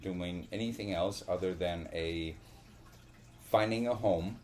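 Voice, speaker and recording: A man co-hosting a casual podcast chat, rambling and halting, swearing now and then. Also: sits low, a little mellow. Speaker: podcast co-host.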